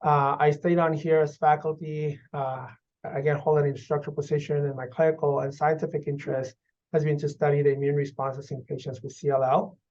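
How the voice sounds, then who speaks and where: A man's voice: fairly high pitch, flat delivery, a little mellow. Guy in his 30s from guatemala, doctor explaining stuff, lots of uhs, muffled lo-fi sound. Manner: measured explanations with frequent uh fillers. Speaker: physician researcher. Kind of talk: interview answers. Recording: dull lo-fi audio.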